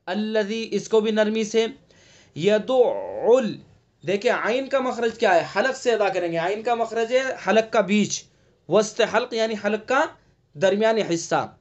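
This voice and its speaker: High-voiced man teaching Quran recitation. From India. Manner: patient step-by-step explaining, checks "ٹھیک ہے؟"; chants verses slowly, stretching vowels. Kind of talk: online Quran recitation lesson.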